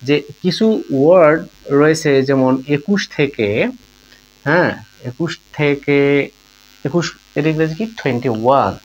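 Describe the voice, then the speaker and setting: A man's voice: medium pitch, rough recording. A man teaching a grammar lesson, patiently explaining rules with examples and often calling his listeners friends. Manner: patient, repeats key points, addresses listeners as friends.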